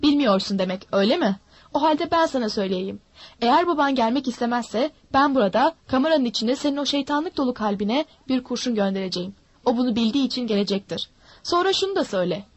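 A woman voicing a sly, menacing old male pirate who coaxes and threatens smoothly. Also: on the high side, expressive, fast, no echo. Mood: threatening. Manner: smooth-talking, mocking threats.

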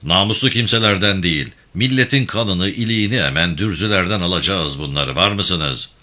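A man voicing a stern, commanding male militia band leader who gives hushed orders. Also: deep voice, moderate pace.

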